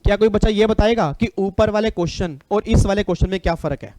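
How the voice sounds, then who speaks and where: A man's voice: sits high, fast, dark tone, a little hiss or hum. Joking man teaching class. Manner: joking, banters with students. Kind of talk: online exam-prep lecture.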